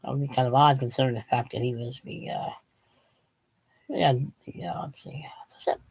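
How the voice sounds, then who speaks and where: Hoarse, gravelly man rambling about books. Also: medium pitch, moderate pace, dry recording, poor audio. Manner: rambling, restarts often, drifts off topic. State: losing his voice. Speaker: channel host. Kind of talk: casual rambling book talk.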